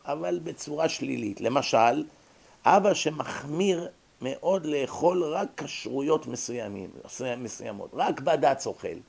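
Male lecturer, mid-pitched, gravelly; explains with rhetorical questions. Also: darkish tone. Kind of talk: religious psychology lecture.

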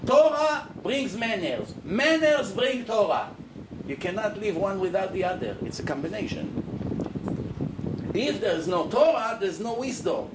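A male rabbi teaches a Torah class in a lively, questioning way, playing out the people he quotes. His voice sits high for a man. He sounds distant from the microphone in an echoing room, with a loud air-conditioning drone underneath. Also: measured pace. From Israel. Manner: animated, acts out quoted people, asks rhetorical questions. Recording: roomy, far off, loud air conditioning hum.

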